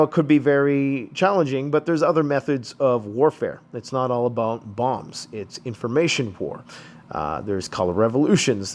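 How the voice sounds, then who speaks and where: A man with a voice worn hoarse from illness, giving rambling, casual commentary on the news as the host of his channel. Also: mid-range voice. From Canada. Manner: rambling, conversational, frequent "you know" asides.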